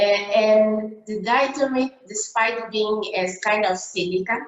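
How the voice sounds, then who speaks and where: A woman from Brazil whose first language is Portuguese, giving a dentistry case report over slides on a video call, halting with many fillers and restarts. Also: mid-range voice. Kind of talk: conference talk over slides. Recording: roomy echo.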